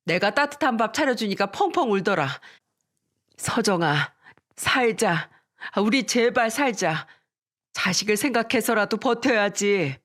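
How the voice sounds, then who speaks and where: Woman doing a stern caring older friend, scolding, pleading, tender, radio story, mid pitch. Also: animated, unhurried, a bit bright.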